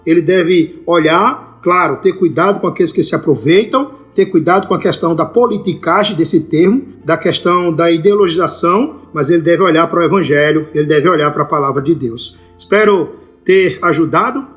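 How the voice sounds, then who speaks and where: A man's voice: fairly high pitch, brisk, a bit bright, faint music behind. A male pastor giving a scripted answer to a listener's question, working methodically through scripture references and speaking straight to the listener. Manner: methodical, addresses the listener directly.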